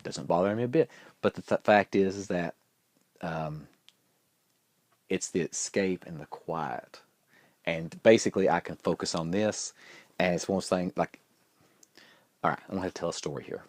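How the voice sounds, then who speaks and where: A man's voice: low voice, moderate pace, pauses often, no echo, studio quality. A man vlogging in a chatty, good-humored way, telling a story with lots of restarts and fillers. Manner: rambling, with frequent restarts and fillers. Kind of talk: casual storytelling vlog.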